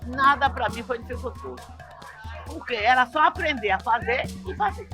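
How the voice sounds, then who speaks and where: Older bahian lady telling the old days, kinda high voice, music going. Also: lively intonation, normal speed, sharp tone. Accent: Bahian Brazilian Portuguese.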